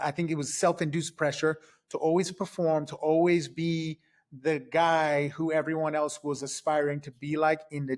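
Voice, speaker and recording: A man in his fifties from Trinidad, a podcast guest telling his past in a casual, lively way, step by step. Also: a little high. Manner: lively, recounts events step by step. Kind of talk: casual storytelling.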